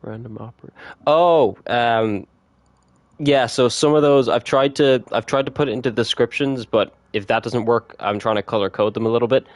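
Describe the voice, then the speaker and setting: A man chatting casually with viewers on a gaming livestream, laid-back and quick to laugh. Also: medium pitch, dry recording. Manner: relaxed, chatty, laughs often, reads notes aloud. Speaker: streamer.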